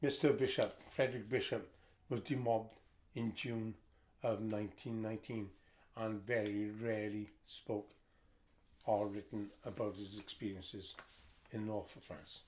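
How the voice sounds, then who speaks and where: An older man reading a family history aloud, telling the story in a lively storytelling way. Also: on the low side, a little slow.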